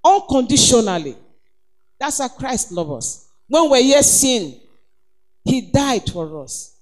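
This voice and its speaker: A woman's voice: high-pitched, sing-song, slow, a little mellow. A woman with a Nigerian accent preaching a sermon, emphatic and exhorting, with frequent calls of praise.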